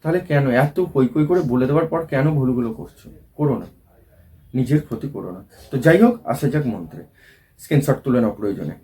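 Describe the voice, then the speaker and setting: A man's voice: mid-range voice, expressive. A man who hosts a tantric advice channel, giving a lecturing, scolding spiritual monologue to camera. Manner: chants mantra slowly and loudly. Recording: faint music in background.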